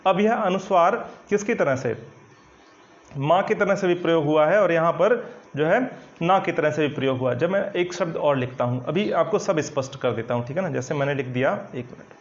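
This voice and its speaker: A man with a somewhat high voice gives a Hindi grammar lesson and explains each point patiently and step by step. He keeps checking that students follow and fills his pauses with hesitations. The recording sounds dull and lo-fi. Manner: explanatory, repeats "ठीक है ना" often, hesitant fillers. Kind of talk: online coaching lesson at a whiteboard.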